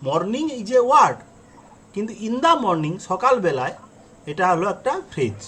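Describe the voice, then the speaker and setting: Man, teacher, high pitched, bright tone, asks and answers his own questions, patient repetition. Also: sing-song, breathy edge, poor audio. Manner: repeats examples slowly and patiently. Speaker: English teacher. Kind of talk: classroom lesson explaining grammar.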